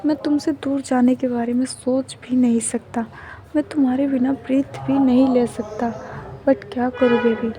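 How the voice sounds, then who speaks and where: A woman voicing a tender young husband who speaks softly and affectionately in a storybook narration. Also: fairly high pitch, steady tone, measured pace, a crowd in the background, lightly acted. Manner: soft, hushed, affectionate. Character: tender devoted young husband, loving and teasing.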